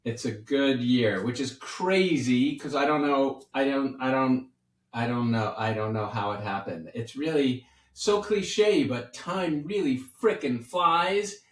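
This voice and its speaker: Man in his 50s, doctor-host type, playful and rambling, mid-pitched, set back from the mic in a roomy space. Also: measured pace, recorded from a distance. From New York City. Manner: chatty, playful, rambling with restarts. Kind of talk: casual podcast chat.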